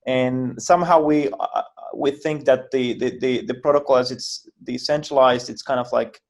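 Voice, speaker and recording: A man from Finland, a guest founder giving explanatory interview answers over a video call, halting and often repeating and restarting words. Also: mid-range voice, steady tone.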